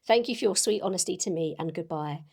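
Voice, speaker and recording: Young male suitor woman performer: folksy, sincere, plucky, plain-spoken, gravelly fry on a lowish voice, storybook drama reading. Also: fast, a little mellow. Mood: hearty, kind.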